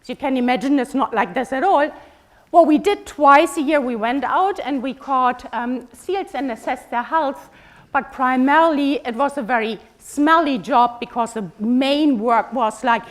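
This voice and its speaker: A woman in her fifties from northern Germany, speaking English as a second language with a German accent, giving a relaxed, conversational lecture with frequent ums and self-corrections. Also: high voice, normal speed. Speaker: veterinary cardiology professor giving a lecture.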